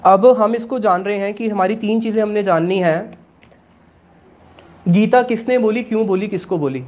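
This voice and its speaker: A man leads a religious class in a high, light voice. He explains patiently, poses questions to the room and answers them himself, slipping English words into casual Hindi. The recording sounds muffled and lo-fi. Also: moderate pace, a little mellow. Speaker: Gita class teacher.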